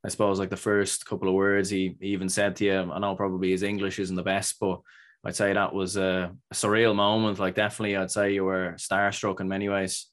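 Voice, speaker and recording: Quick-talking host, low and even. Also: male voice. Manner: rambling questions full of "like" and restarts. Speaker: podcast host. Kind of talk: casual interview chat.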